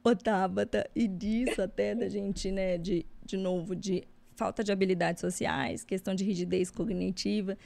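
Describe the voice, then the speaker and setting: A Brazilian woman in her thirties, hosting a casual podcast chat in a joking, self-mocking way with quick bursts of talk. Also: medium pitch, fairly even intonation, creaky, dark tone. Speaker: podcast host.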